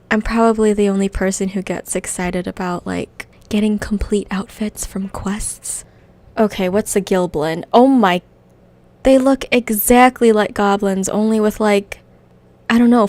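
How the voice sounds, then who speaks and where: Young woman gamer, bubbly and excitable, unhurried commentary. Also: mid-range voice. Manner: excitable, bubbly, quick to gasp and laugh. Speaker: gaming video creator. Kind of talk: casual gameplay commentary.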